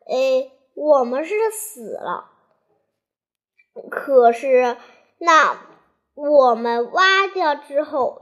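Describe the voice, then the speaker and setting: Young child telling a story slowly. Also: sits high, fairly bright tone. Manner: slow, halting telling with restarts.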